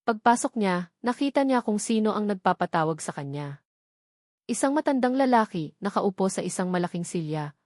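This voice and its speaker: Reading a scripted story in the style of a dramatic audiobook narrator, this Filipino-accented woman has a medium-pitched voice with a darkish tone. The recording is dry and studio-clean.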